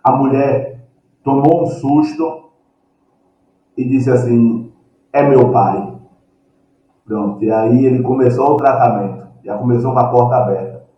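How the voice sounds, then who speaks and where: A man's voice: mid-range voice, moderate pace, warm tone. A man preaching a live sermon, telling the story with animation, acting out voices and chuckling. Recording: echoey room, distant dull mic.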